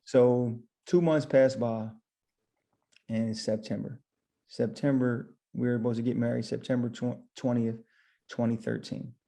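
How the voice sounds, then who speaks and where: A man telling his story on a podcast in an easygoing, rambling way, often quoting what he said to himself. His voice is gravelly with a mellow, dark tone at a middle pitch. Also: level tone, unhurried. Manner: rambling, retells his own thoughts as quotes. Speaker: podcast guest, barber and shop owner. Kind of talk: casual storytelling interview.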